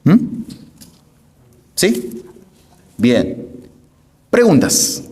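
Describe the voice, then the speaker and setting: A pastor giving a teaching lecture to a congregation, emphatic, repeating phrases and often asking the room whether they follow. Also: male voice, medium pitch, wildly swooping pitch, very slow, warm tone. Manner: asks the audience frequent checking questions.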